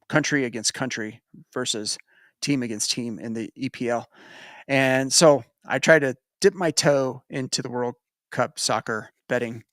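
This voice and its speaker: A man's voice: medium pitch, a bit bright, no room sound. Man, american, podcast host, casual betting chat, rambling, self-correcting, dry sound. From United States.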